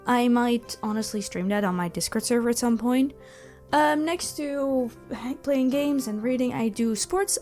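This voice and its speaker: A woman with a slightly mellow voice on the high side talks casually and animatedly to her listeners. She's an audio roleplay creator and channel host, answering questions in a self-effacing way. Music plays in the background.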